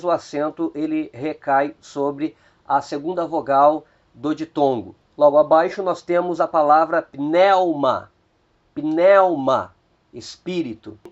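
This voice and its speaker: Slow, deliberate Brazilian male teacher. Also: on the high side. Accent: Brazilian Portuguese. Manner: slow and deliberate, repeats each Greek word twice. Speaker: Biblical Greek teacher. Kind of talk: slow video lesson. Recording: dull lo-fi recording.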